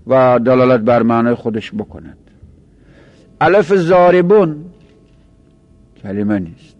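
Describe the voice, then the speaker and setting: A man teaching a grammar lesson, explaining slowly and repeating each point, stretching key terms and dropping quiet at the ends of phrases. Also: a little high, no room sound. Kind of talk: seminary-style grammar lesson.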